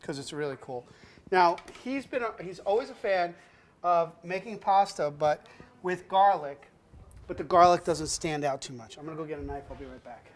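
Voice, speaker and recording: Calling the child "buddy," a cooking show host teaches a kid to cook amid playful jokes and frequent laughter. His voice has a fairly high pitch, sounds expressive, and moves at a moderate pace.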